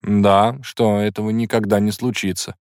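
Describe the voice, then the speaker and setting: A man's voice: lowish voice, flat delivery, normal speed, clear, resonant tone, dry recording, studio quality, lightly acted. A man reading an audiobook, voicing a distraught, devoted young man who pleads earnestly.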